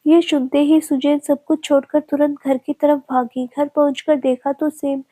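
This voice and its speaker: A woman storyteller narrating a family drama in a steady, measured read. Her voice is high and mellow, with a fairly level delivery.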